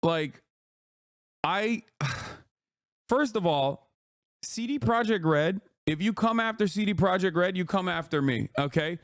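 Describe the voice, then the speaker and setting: Brief: male streamer, fairly high voice, punchy and profane, dry close sound. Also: expressive, slow, long pauses, dry recording. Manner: emphatic, profane, laughs often. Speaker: streamer and political commentator. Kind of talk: casual reaction commentary.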